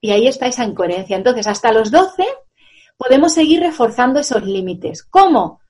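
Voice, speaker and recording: A woman's voice: on the high side, sing-song, brisk, a little mellow. A woman, a mother giving earnest explanations about parenting in an interview, using examples and tag questions. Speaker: parenting expert guest; mother of two children.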